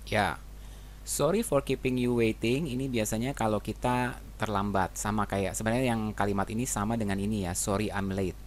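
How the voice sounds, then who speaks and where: Relaxed low-voiced man teaching English. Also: moderate pace, a little hiss or hum. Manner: relaxed, conversational, frequent tag questions. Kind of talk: casual explanatory lesson.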